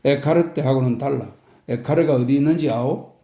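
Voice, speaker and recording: A man's voice: medium pitch, fairly quick, mellow, close to an everyday voice. A man voicing a sly middle-aged husband who teases his wife at a café table, in a roomy recording. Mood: smug. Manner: sly, smug, teasing. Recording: roomy echo.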